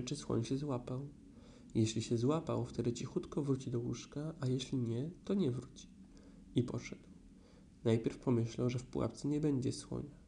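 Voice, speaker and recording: Mellow male storyteller. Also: mid-range voice, creaky. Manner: gentle, expressive read-aloud. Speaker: narrator. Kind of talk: audiobook storytelling.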